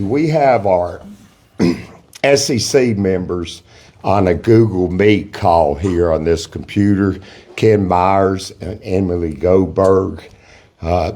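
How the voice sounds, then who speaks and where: A man's voice: low-pitched, mellow. A man chairing a local meeting, speaking informally to the room and leading prayer.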